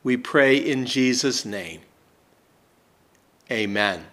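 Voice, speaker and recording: A man in his sixties, a pastor, reading scripture and praying in a slow, measured, emphatic way in a church sanctuary. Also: medium pitch, animated, fairly bright tone.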